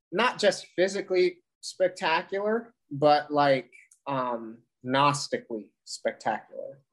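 A man speaking as a podcast guest in casual interview chat, haltingly thinking aloud as he explains. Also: fairly high pitch, poor audio. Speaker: podcast guest, occult practitioner.

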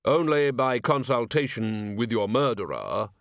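A man voicing Death as a solemn, grave figure who speaks flatly and without hurry. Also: medium pitch, vocal fry, dry recording, studio quality. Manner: flat, grave, unhurried. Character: Death, solemn cosmic male reaper.

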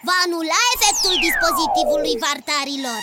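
Small eager cartoon hero, very high, lively swings. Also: female voice, exaggerated voice. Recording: loud hiss under the voice.

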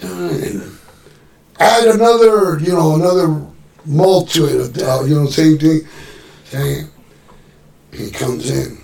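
A man tells a story in loose, profane chat and acts out the voices of the people in it. His voice sits fairly high and has a gravelly edge. He is picked up from a distance in an echoey room. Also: takes it slowly, pauses often, darkish tone. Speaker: musician telling a story. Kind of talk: casual storytelling.

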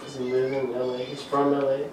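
A man's voice: medium pitch, monotone, quick pace, darkish tone, distant mic. A man joking casually as a podcast co-host in a slangy bro style. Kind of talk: casual group banter. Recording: echoey room, off-mic, faint noise.

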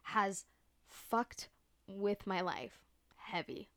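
A young woman chats alone into the mic like a podcast host, in a dry, close recording with no room sound. Her pitch sits in the middle for a woman. She talks in loose, slangy, profane sentences full of filler words and leans hard on exaggerated emphasis. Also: very slow, a bit bright, no echo. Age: young adult. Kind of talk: casual solo chatty monologue.

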